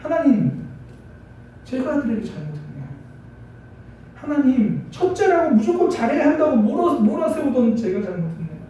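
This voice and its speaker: A man's voice: extremely high pitch, sing-song, normal speed, mellow, slight background noise, pitched above the performer's own voice. Man doing weeping mother's prayer, pleading, repentant, echoey hall, mic far off. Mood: tearful pleading. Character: grieving mother praying in tears.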